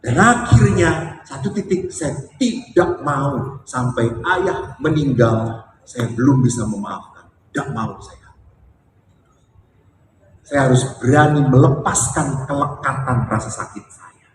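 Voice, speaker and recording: Priest preaching in an echoey hall. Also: male voice, mid-range voice, lively intonation, takes it slowly, slight background noise. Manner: candid storytelling with jokes, emphatic repetition. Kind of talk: sermon with personal story. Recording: echoey hall recording from far off.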